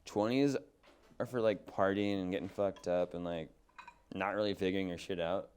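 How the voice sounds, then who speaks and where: A man's voice: deep voice, steady tone, moderate pace, darkish tone, smooth. A man in his thirties, a podcast guest, chatting casually in a rambling way full of fillers. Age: 30s. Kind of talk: casual chat.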